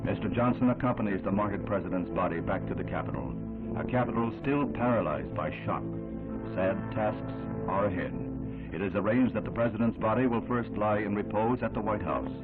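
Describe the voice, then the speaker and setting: Tinny, band-limited vintage newsreel audio with music underneath carries an American man reading scripted 1960s narration. His pitch sits fairly low and he moves fairly quickly, sounding solemn, dramatic and declamatory.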